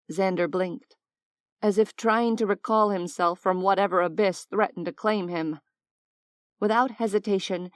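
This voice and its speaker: A woman reading audiobook narration in a slow, measured, deliberate way, her voice at a middle pitch. The recording is close and dry, with no room sound. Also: smooth, no room sound. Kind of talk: scripted narration.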